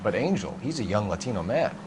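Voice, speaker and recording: An actor playing an earnest young police detective in a 1940s crime game, asking questions in a measured, formal way. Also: male voice, fairly low pitch, very animated, background noise.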